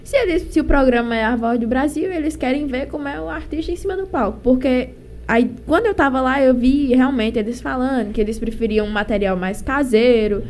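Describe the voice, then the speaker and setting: High-voiced young Northeastern Brazilian woman with a cold. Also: brisk, darkish tone, slight background noise. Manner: colloquial, chatty. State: has a cold. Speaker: singer being interviewed. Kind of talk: casual storytelling in an interview.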